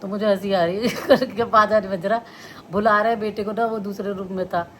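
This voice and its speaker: A woman's voice: medium pitch, steady tone, normal speed, a bit bright, slight background noise. A middle-aged woman, chatting casually to her viewers and laughing often as she talks. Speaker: vlogger.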